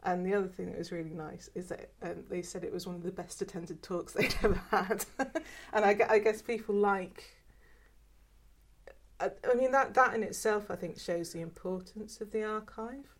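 In an oral history interview, a former archive worker from England speaks hesitantly, often repeating words. She is in her fifties, with a mixed but mostly southern English accent, a mid-range voice and normal speed.

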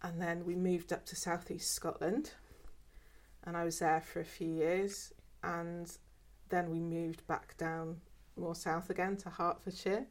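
A former archive worker, a woman in her fifties from England, gives an oral history interview in a fairly low, level voice, a little slow. Her accent is mixed, mostly southern English, and she talks hesitantly with frequent repeated words.

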